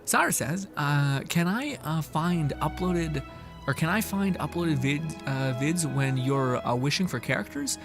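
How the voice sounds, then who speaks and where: With lively intonation and an unhurried pace, a young man with a voice on the high side streams a game. He chats with viewers and offers casual, sweary, joking live commentary as music plays behind him.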